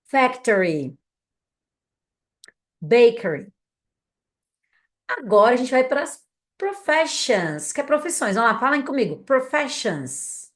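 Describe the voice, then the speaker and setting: Slow, patient woman teacher with Brazilian accent. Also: fairly high pitch, big pitch swings. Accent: Brazilian Portuguese. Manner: slow, patient repeat-after-me drilling. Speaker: English teacher. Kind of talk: language lesson drills.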